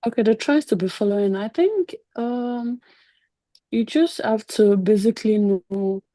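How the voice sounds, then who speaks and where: A woman's voice: mid-range voice, measured pace, mellow, no room sound. A woman giving casual, chatty advice on a webinar video call, full of "like" and "just". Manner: chatty, informal, lots of "like" and "just". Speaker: webinar speaker and past program participant.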